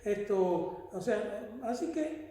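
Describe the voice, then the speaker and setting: Male pastor-author, high, mellow voice, chatty teaching, echoey hall sound. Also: expressive, slow pace. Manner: explanatory, often checks with "¿verdad?". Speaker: pastor and author being interviewed. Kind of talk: conversational Bible teaching. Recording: echoey, reverberant room.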